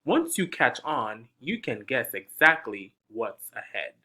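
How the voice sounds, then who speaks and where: Reading a picture book to small children, the man counts along and poses coaxing questions, his pace slow and sing-song. He speaks in a bright, forceful mid-range voice with a sing-song lilt.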